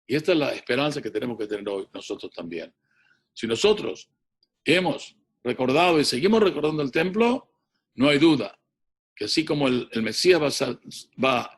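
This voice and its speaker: Male rabbi, sermon delivery, solemn halting storyteller, mid-range voice. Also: mid-range voice, husky. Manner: solemn storytelling with frequent restarts.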